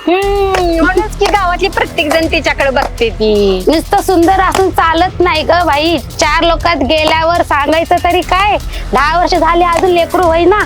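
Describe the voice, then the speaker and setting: Very high-voiced gossiping woman. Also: normal speed. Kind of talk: Marathi village serial acting. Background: loud background music.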